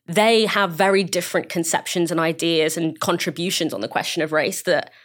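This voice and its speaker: A woman university educator speaking as a guest in a casual panel discussion, thoughtful and measured. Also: lowish voice. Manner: thoughtful, measured, many fillers.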